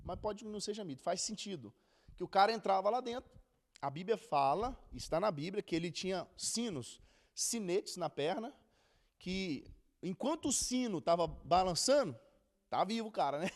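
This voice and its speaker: A man's voice: high voice, normal speed. A man giving a casual, chatty Bible lesson, acting out quotes. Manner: chatty and animated, acts out quotes with laughter. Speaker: Bible teacher.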